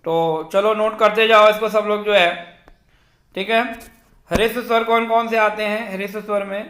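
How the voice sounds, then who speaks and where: Male teacher, high bright voice, slow drawn-out recitation, echoey room. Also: steady tone, slight background noise. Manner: slow, repetitive, fills with "ठीक है" and "जो है"; draws out vowels when reciting them. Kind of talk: exam-prep Hindi grammar lecture.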